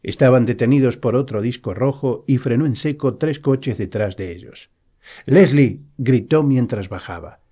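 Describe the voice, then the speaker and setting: A man reading a novel aloud as an audiobook narrator, in a calm, even storytelling manner. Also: mid-range voice, moderate pace, hardly any pauses, slightly rough, dull audio.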